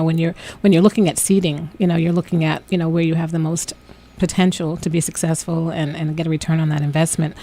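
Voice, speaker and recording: A woman's voice: fairly low pitch, dark tone. A woman hosting a radio talk show, chatty and enthusiastic, with fillers and restarts.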